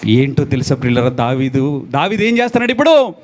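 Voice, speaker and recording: A male pastor preaching a sermon, swinging between loud exclamations and low, quiet lines and repeating phrases for emphasis. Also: very animated, fast talker, slight background noise.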